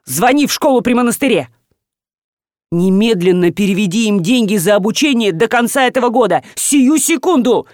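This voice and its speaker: A woman's voice: mid-range voice, animated, brisk, no room sound, clean studio sound, close to an everyday voice. A woman voicing a furious, bossy wealthy father who barks orders at his household, in an audiobook. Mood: raging, commanding. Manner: shouting, barking orders. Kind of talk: audiobook character voice.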